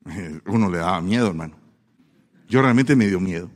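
A man preaching a sermon with humor, animated and playful, acting out the voices he quotes. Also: low voice, a little fast, in a large hall.

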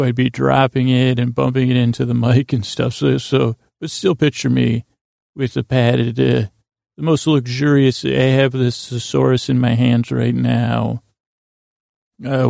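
In a studio-quality recording with no echo, a male podcast host speaks in a warm, medium-pitched voice that is also creaky and gravelly. His bedtime podcast drifts along at a languid, halting pace, rambling and meandering to help listeners fall asleep.

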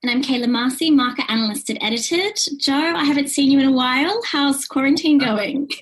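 A woman's voice: sits high, brisk, low-quality recording. Upbeat chatty woman analyst. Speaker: market analyst co-hosting. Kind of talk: casual work chat.

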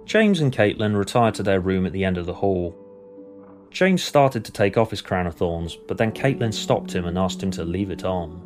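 A man reading a scripted story in a deadpan, matter-of-fact way. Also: sits low, normal speed, faint music behind. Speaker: narrator. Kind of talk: scripted narration.

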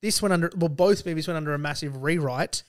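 A woman's voice: sits low, fast. Aussie woman podcast host chatting about movies, slangy and sweary, jokes around. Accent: Australian. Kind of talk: casual film and pop-culture chat.

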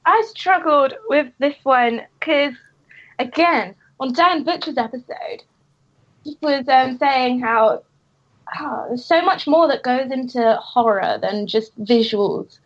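A woman's voice: high voice, takes it slowly, highs cut off. A woman, a comic creator, chatting on a podcast and rambling through anecdotes with giggles. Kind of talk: casual podcast chat.

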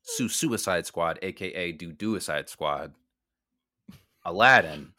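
A man's voice: low-pitched, lively intonation, slow, bright, forceful tone, dry recording, clean studio sound. A man co-hosting a casual comedic podcast, joking around while he runs a quiz game for his guests. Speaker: podcast co-host and quizmaster.

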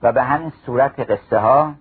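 Husky-voiced man reciting verse over radio. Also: mid-range voice. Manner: recites verse in a chanting cadence. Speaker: lecturer on mystical wisdom. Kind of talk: storytelling talk with recited classical poetry. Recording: phone-like narrow radio recording.

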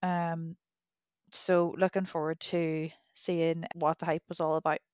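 A woman's voice: low-pitched, flat delivery, measured pace, a little mellow, smooth, no room sound, clean studio sound. A woman co-hosting a podcast in an easygoing, informal chat. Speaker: podcast co-host.

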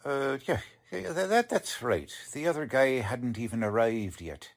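With an expressive, medium-pitched voice and a slightly slow delivery, a man voices a stubborn working-class police lieutenant in an old-time radio drama. The character is cocksure and blustering, talking tough in ungrammatical slang.

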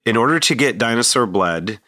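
A man's voice: medium pitch, lively intonation, fairly quick, pushed and bright, no room sound, studio quality. A man in his thirties hosting a casual podcast, rambling with plenty of fillers and restarts. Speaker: podcast host.

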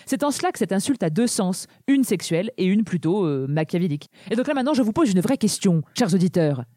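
A woman's voice: mid-range voice, sing-song, fast talker, mellow, dry recording, clean studio sound. A woman hosting a podcast, delivering a cheeky, self-mocking comic monologue. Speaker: podcast host. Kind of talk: comic monologue about insults.

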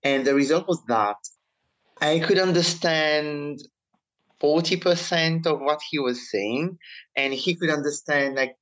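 Unhurried and fairly bright in tone, with a voice on the high side, an Italian man in his thirties reflects as a guest in a conversational interview. He's not a native English speaker and speaks Italian, French and Mauritian Creole. Audio quality is poor.

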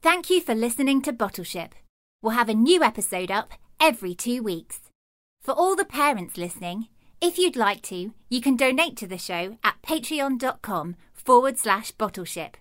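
A woman's voice: a little high, a bit bright, dry recording, clean studio sound. A woman hosting a children's story podcast, narrating a scripted tale as storyteller.

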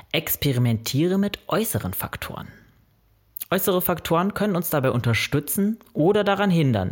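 Husky-voiced man explaining running tips. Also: medium pitch. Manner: friendly, informative, gives numbered tips. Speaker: running vlogger. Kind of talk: scripted explainer addressing the viewer.

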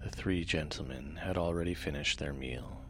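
A man narrating sleep stories in a soft, soothing, hushed manner that often trails into a near-whisper, close to the microphone. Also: normal speed. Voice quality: soft, low, gravelly. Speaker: host and narrator of a sleep story podcast. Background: music.

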